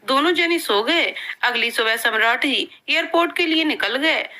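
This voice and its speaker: A woman narrates a scripted story in a steady, clear way. Her voice is high and bright. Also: moderate pace.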